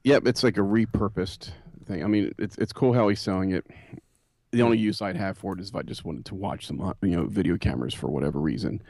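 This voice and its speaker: Casting: low-pitched male podcast co-host, relaxed rambling chat, dry close sound. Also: quick pace, vocal fry, no echo. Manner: relaxed, rambling with many fillers. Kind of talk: casual chat about vintage computers.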